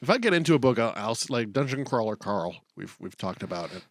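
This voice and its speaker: A man's voice: lowish voice, big pitch swings, quick pace, dry recording, clean studio sound. A man co-hosting a podcast, joking and laid-back in casual movie chat, with many fillers. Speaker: podcast co-host.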